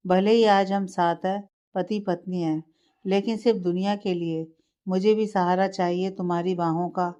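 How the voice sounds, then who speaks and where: A woman's voice: medium pitch, dark tone, close to an everyday voice. A woman voicing a tender, hurt young husband.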